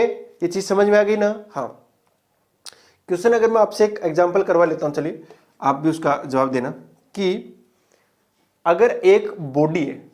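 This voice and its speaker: Guy a high voice teaching physics, keeps asking himself questions and answering. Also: a little mellow. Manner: asks questions and answers them himself, repeats key terms. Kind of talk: classroom physics lesson.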